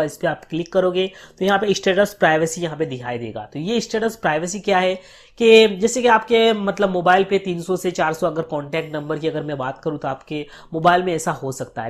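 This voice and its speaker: A man hosting a casual tech tutorial, talking viewers through phone settings step by step with constant filler phrases. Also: high-pitched. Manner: chatty, leans heavily on fillers like "here" and "what is"; friendly, asks viewers directly for likes. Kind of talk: casual screen-recorded tutorial narration.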